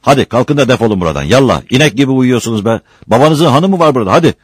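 A man's voice: fairly low pitch, sing-song, moderate pace, no room sound, studio quality, pitched above the performer's own voice. A man voicing a mean bakery foreman who curses and hurls scornful insults.

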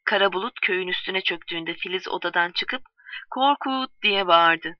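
Female storyteller, measured read, dry and distant on a dull recording. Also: lowish voice, dry recording. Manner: calm measured reading, voicing quoted lines. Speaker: narrator. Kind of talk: storybook narration.

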